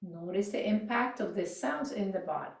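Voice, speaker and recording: A woman gently guiding a yoga and mindfulness class, cueing neck movements, voice exercises and breathing in a calm way with soft trailing endings. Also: mid-range voice, normal speed, far from the mic. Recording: echoey room, voice off-mic.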